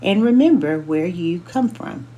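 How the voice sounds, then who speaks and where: A woman's voice: fairly low pitch, expressive, unhurried, highs cut off, pitched above the performer's own voice. Woman putting on a stern old grandmother. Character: proud, stern elderly grandmother scolding her grandson.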